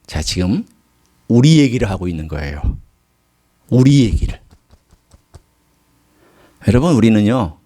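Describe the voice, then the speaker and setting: A middle-aged man preaching a sermon, telling a story and swinging from quiet low asides to high, emphatic calls. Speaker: pastor.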